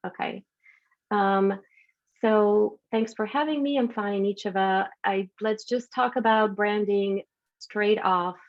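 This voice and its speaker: A woman's voice: mid-range voice, takes it slowly. A woman from Bulgaria giving a friendly branding talk over a video call, with frequent restarts and fillers. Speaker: guest speaker. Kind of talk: branding presentation on a video meeting. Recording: dull lo-fi video call audio.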